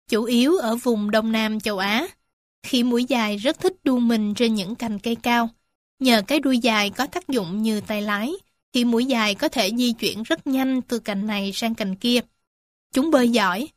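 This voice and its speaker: A woman reading animal stories and facts aloud to young children, gentle and addressing them warmly as little ones. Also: a little high, no echo, studio quality. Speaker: storyteller for children. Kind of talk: children's storybook narration.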